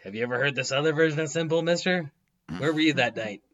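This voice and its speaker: A man's voice: on the high side, fast, a bit bright, voice pushed up, natural voice. A man voicing a pushy male police interrogator playing bad cop, with needling, mock-tough questioning, on a dull lo-fi recording. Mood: mock-menacing.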